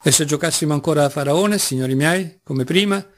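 A man's voice: fairly high pitch, brisk, natural voice. A man voicing a fawning older hanger-on who titters as he speaks. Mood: simpering. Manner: tittering, ingratiating.

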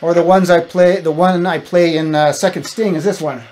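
Speaking into a close, stand-mounted dynamic mic in his small home studio, a middle-aged American guitarist who plays gigs gives informal tips with wry self-deprecation. His slightly high voice is a little mellow, steady in tone and normal in pace.

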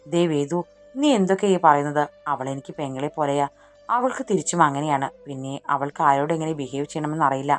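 A protective young husband and father, read by a woman narrator, speaking firmly and earnestly. The voice sits low and even, with a faint bed of music underneath. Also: brisk, natural voice. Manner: firm, earnest.

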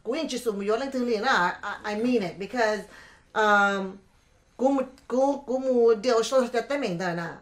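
A woman's voice: fairly high pitch, measured pace. A woman on a talk show panel speaking casually, switching between English and another language.

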